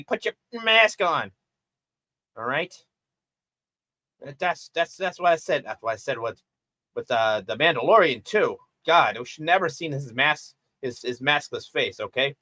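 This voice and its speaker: A man rants casually to the camera, rambling and circling back with plenty of ums and restarts. His voice is bright and forceful. The sound is dry and close. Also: a little high, dry recording. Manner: rambling, full of fillers and restarts, ranting. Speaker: vlogger reviewing a film. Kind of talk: casual rant.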